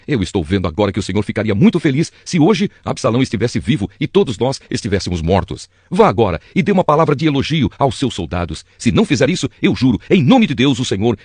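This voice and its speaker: A man's voice: mid-range voice, darkish tone, slightly rough, no room sound. A man voicing a battle-hardened army commander who speaks bluntly and scolds.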